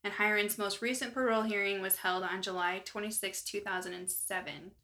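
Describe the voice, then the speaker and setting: A woman co-hosting a true-crime podcast, talking in a chatty, animated way with lots of asides. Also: medium pitch, fairly quick. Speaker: podcast co-host. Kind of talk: casual true-crime chat.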